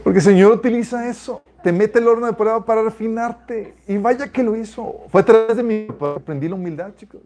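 A man's voice: high-pitched, brisk, few pauses, darkish tone. A man giving an informal, conversational sermon built on personal testimony, calling his listeners "chicos" and breaking into laughter. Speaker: preacher.

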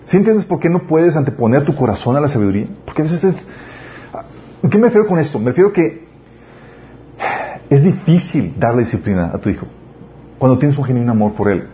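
A man preaches a sermon in an earnest way, pressing his listeners with question after question. His voice sits at an ordinary middle pitch. The recording is a little dull and lo-fi, with a faint hiss underneath. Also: a little fast, long pauses. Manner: earnest, rhetorical questions, animated emphasis. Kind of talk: sermon on parenting.

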